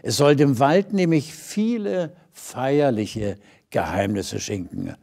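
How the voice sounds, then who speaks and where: A man's voice: medium pitch, animated, takes it slowly, gravelly, dark tone. Man playing a naive little star. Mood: curious. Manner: wondering, innocent questions. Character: tiny naive young star, curious. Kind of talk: storybook reading.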